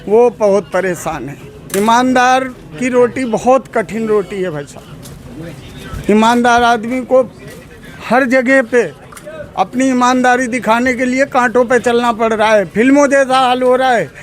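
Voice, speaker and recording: A man's voice: very high-pitched, unhurried. A man being interviewed on the street, speaking with passion and emotion and calling the reporter "brother" again and again. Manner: emotional, addresses the reporter as "bhai sahab" over and over. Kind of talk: impassioned street opinion. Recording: loud crowd noise outdoors.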